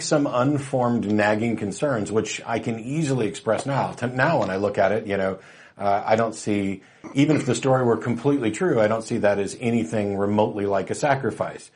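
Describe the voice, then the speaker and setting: A man hosting a call-in show, telling stories in a wry, relaxed way with plenty of fillers, turning emphatic when he argues a point. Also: lowish voice. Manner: grows emphatic and lively when arguing. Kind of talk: casual call-in talk.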